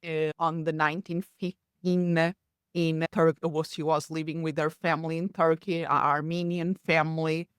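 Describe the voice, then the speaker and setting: Portuguese-accented woman, lowish voice. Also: level tone, clean tone, no room sound, studio quality. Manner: earnest, slightly halting non-native phrasing. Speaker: podcast guest. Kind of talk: conversational storytelling.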